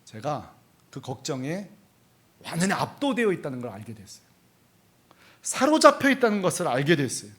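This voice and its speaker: Male pastor, sermon; high voice, wide-swinging delivery, confessional and fervent. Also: sing-song, normal speed, long pauses, a bit bright. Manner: storytelling, confessional, rising to fervent emphasis.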